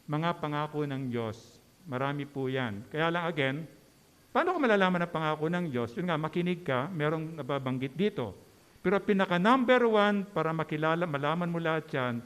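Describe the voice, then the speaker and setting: A man's voice: a little high, expressive, normal speed, clean tone. A man preaching as a pastor in a church, conversational and joking, often checking in with the congregation. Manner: conversational, keeps asking the congregation "di ba?"; joking with the audience. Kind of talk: sermon. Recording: long church hall reverb.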